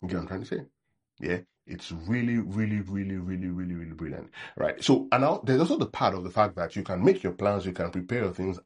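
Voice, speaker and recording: A Nigerian pastor with a low, husky voice and Nigerian English accent preaches a sermon conversationally. He keeps checking in with "right?" and acts out sample prayers in a mocking tone.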